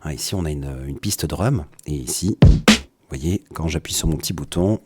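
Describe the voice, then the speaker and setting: A man with a French accent giving a relaxed, hesitant live-stream tutorial on his music setup from his home studio. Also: rumbling low, normal speed. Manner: explanatory, with frequent hesitations and "hop" interjections.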